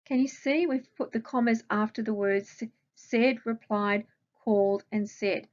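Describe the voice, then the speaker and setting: A woman's voice: a little high, unhurried, darkish tone, lo-fi sound. A woman with an Australian accent, a primary school teacher patiently explaining a recorded grammar lesson to children and asking them questions.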